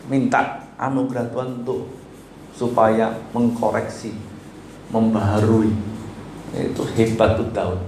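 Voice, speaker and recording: A man's voice: lowish voice, slight background noise. A male pastor preaching a sermon in a casual, conversational way, asking questions and answering them himself. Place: church. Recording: roomy church hall echo.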